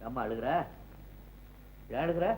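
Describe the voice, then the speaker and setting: A man's voice: medium pitch, measured pace, a little mellow, natural voice, low-quality recording. An actor playing a brash young village man who fiercely protects his sister, defiant and mocking in a 1960s film. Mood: earnest.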